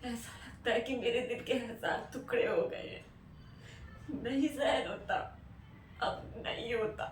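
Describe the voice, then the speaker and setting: A woman auditioning as a heartbroken, rejected young woman, speaking in a pleading, halting, emotional way. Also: a little high, slight background noise, natural voice. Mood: bitter. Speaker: actor auditioning. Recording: roomy, far from mic, faint ambience.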